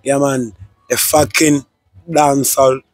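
A man's voice: mid-range voice, little pitch movement, slow pace, dry recording. A young Ugandan man, a reggae musician, talking in a patois-flavoured way outdoors into a handheld mic, repeating phrases with rising energy. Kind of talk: casual interview talk. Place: outdoors by a dirt road in a residential area. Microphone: handheld mic held close.

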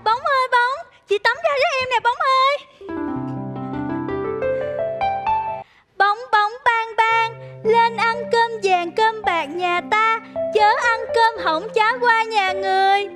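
A woman playing a gentle young woman who coos sweetly to her pet fish in a comedy sketch. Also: very high voice, normal speed, loud music behind the voice. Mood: tender. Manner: sweet, cooing, sing-song.

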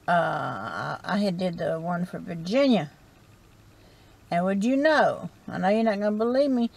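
A woman's voice: fairly low pitch, gravelly, a little mellow. Rambling Southern woman in a parked car. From South Carolina. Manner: rambling, folksy, chats while eating. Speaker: vlogger. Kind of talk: casual chat. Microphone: camera on dashboard.

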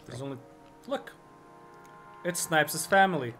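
A man streaming a video game with joking, excitable commentary. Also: fairly high pitch, a little slow, soft background music. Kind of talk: gameplay commentary.

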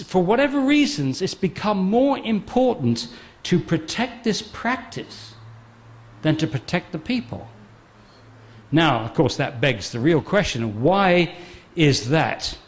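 A man's voice: high voice, sing-song, slow pace. A man giving a public talk, emphatic and sarcastic, often repeating phrases for effect. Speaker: guest speaker. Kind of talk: public talk on a health controversy.

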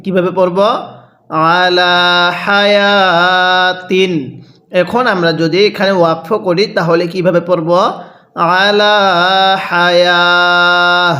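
A man with a Bangladeshi accent teaching Quran recitation step by step. He breaks words into pieces, chants them slowly and drawn out, and asks listeners to repeat after him. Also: high voice.

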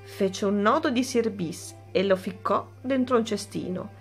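Slow-reading woman telling a children's story. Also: medium pitch, faint music behind. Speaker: teacher reading aloud.

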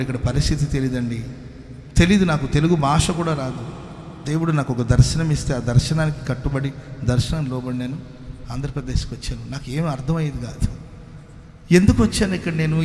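A male pastor from Karnataka giving a sermon testimony, moving from soft pleading to loud exclamations and calling for hallelujahs. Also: fairly high pitch. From Karnataka, India. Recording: echoey hall with faint noise.

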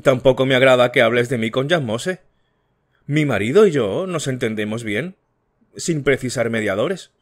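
A man's voice: normal speed, natural voice. A man voicing a proud, frightened wife who snaps defensively, in an audiobook. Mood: haughty. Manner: nervous, then imperious and shrill. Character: haughty, frightened young wife.

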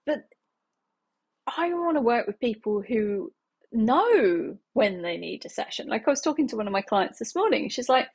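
A woman in her thirties talks straight to camera from a small living room, chatty and quick to laugh as she explains her view as a healing practitioner. Her voice sits a little high, swinging up and down with lively intonation, and carries a slightly husky edge. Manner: chatty, laughs often, gestures with hands. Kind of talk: casual talk to camera.

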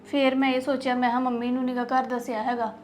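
A woman playing a worried young woman, flat-voiced. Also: sits high, fast, slight background noise, lightly acted. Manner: worried, explaining. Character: worried young woman fretting about a sick relative. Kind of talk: family drama acting.

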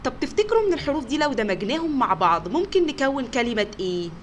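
A woman with an Egyptian Arabic accent teaching kindergarteners, sounding out words slowly and praising them often. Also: high-pitched, sing-song, slight background noise. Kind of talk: recorded online lesson for young children.

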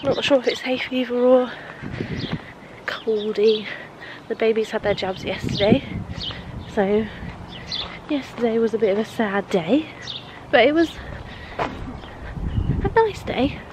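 A young woman chatting casually in a vlog, her voice croaky and bunged up from a cold. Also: on the high side, unhurried, long pauses, noisy background. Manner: chatty, softly sing-song baby talk. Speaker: vlogger. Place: outdoors, walking along a road. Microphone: handheld camera.

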